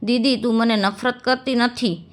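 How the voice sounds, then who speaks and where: Woman reading a remorseful younger sister, pleading, apologetic, fairly high voice, storybook tale. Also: fairly even intonation, moderate pace, close to an everyday voice. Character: remorseful fallen-rich younger sister, tearful.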